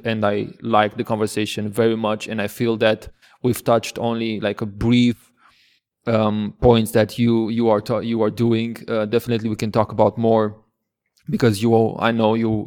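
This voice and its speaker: Low, flat-voiced podcast host man. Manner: halting, many fillers, earnest. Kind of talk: casual interview talk.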